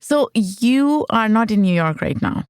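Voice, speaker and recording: A woman's voice: on the high side, sing-song, a little slow, darkish tone, clean tone, no echo, clean studio sound. A woman from Pakistan hosting an interview podcast, speaking in a friendly, conversational way. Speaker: podcast host.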